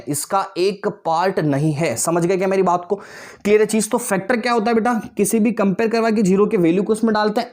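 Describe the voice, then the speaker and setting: A man's voice: high voice, a little mellow. Young guy teaching maths online, keeps checking if the kids get it, jokey asides. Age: 20s. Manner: coaxing, keeps asking students if they understood; calls pupils "beta" and "bhaiya", joking asides. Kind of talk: online class lecture.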